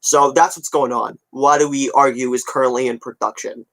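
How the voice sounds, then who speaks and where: A twenty-year-old man gives his viewers a casual update and responds to comments, wandering and repeating himself offhandedly. He speaks at normal speed in a steady, medium-pitched voice with a fairly bright tone, in a low-quality recording.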